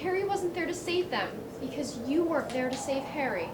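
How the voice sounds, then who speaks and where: A woman plays a kindly, slightly flustered male guardian angel on a stage, coaxing in a high voice. The sound is roomy and picked up from far off, with a steady hiss of noise underneath. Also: a little fast. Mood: gentle. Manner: patient, coaxing, a little flustered. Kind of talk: amateur stage acting. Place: theatre stage. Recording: echoey stage heard from afar, noisy.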